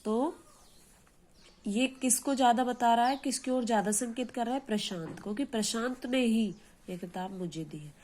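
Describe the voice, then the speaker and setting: Her voice sits a little high with a somewhat dark tone as this woman, a school teacher, works through grammar. She takes her time, patiently explaining and regularly checking in with questions to the class.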